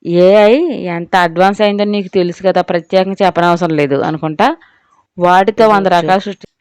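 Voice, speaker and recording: A woman's voice: on the low side, fairly even intonation, brisk, darkish tone, clear, resonant tone, no room sound, clean studio sound, close to an everyday voice. A woman voicing a fierce, proud young husband. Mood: angry. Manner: defiant, boastful, angry.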